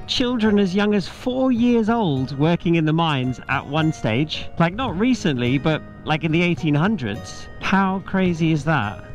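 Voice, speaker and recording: A man's voice: a little high, lively intonation, unhurried, hardly any pauses, soft background music. A man narrating his motorbike travel vlog casually to camera, chatty and upbeat, calling viewers guys. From Britain. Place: outdoors and in a cafe, on the road in rainy weather.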